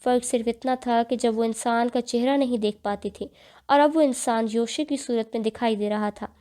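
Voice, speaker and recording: Woman audiobook narrator, earnest storyteller, warm low-brightness tone. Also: steady tone. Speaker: novel narrator.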